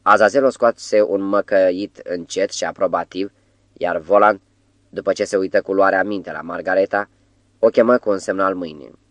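Brief: male audiobook narrator, deep and low, measured literary reading, dry studio sound. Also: no room sound.

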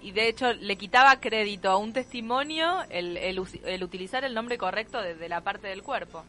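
A woman co-hosting a casual radio show, chatty and quick to laugh as she tells stories. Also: mid-range voice. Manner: chatty, laughs easily, animated storytelling. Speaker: radio co-host. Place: radio studio.

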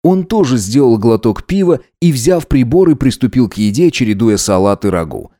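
A man's voice: medium pitch, big pitch swings, moderate pace, warm tone, no echo. Man narrating an audiobook, dry close sound.

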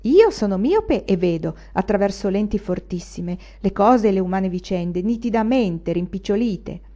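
Brief: a woman reading a sneering cynical young student, mellow tone, lo-fi. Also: mid-range voice, animated, moderate pace, close to an everyday voice. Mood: mocking. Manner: sneering, jeering.

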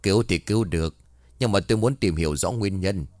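A man voicing a calm, commanding exorcist master. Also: low voice, fairly quick, no echo, clean studio sound, close to an everyday voice.

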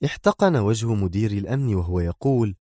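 Brief: low, dark-toned male audiobook narrator, measured pace, dry booth. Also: no room sound. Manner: steady, measured.

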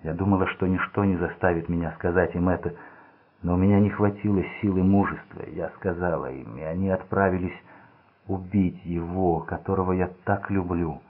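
A man's voice: deep voice, fairly even intonation, moderate pace, breathy edge. Man reading as a desperate young woman captive. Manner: pleading, distraught. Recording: phone-like narrow band.

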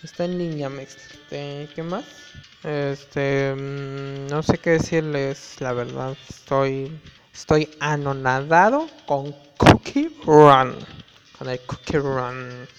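A man's voice: medium pitch, takes it slowly. Chatty young man storyteller. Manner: chatty, gossipy, full of fillers. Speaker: student vlogger. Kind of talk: casual storytelling. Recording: dull lo-fi with reverb, faint music.

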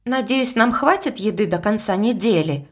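A woman's voice: medium pitch, expressive, moderate pace, breathy edge. A woman voicing a sensible, determined young girl who talks in a firm, practical way, reading an audiobook. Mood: thoughtful. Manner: firm, practical, reasoning aloud.

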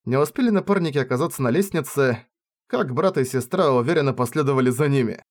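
A man narrating an audiobook in an expressive reading style. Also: mid-range voice, fast. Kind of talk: scripted narration.

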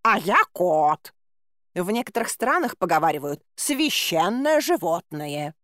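A woman's voice: on the low side, very animated, a little slow, a bit bright, dry recording. A woman voicing a smug, lazy, fat male talking cat in an audiobook, drawing out his words in a self-satisfied way.

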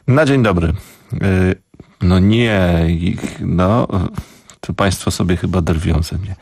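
Deep gravelly-voiced male radio host. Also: no echo, studio quality. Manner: warm-humored, chuckles at his own stumbles over foreign place names. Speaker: radio morning show host. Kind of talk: chatty live radio hosting, reading listener greetings. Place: radio studio. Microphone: studio microphone.

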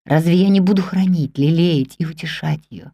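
A woman reading the part of a passionate middle-aged man in an audiobook, pleading in a low, intense voice. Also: lively intonation, unhurried, warm tone, dry recording. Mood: brooding.

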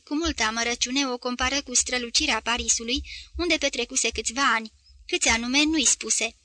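A woman narrating a literary novel as an audiobook, with a measured, even delivery. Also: high voice, dry recording.

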